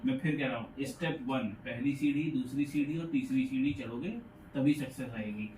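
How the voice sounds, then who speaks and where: A man's voice: mid-range voice, darkish tone. Man teaching pronunciation in an echoey room. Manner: patient, repeats sounds slowly to demonstrate. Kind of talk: classroom pronunciation lesson. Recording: echoey room, mic far off, faint noise.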